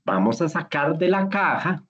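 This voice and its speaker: A man's voice: a little high, sing-song, normal speed, fairly bright tone, breathy edge. A man leading a simulated classroom lesson as a teacher, patient and encouraging, praising each answer. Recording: dull lo-fi recording.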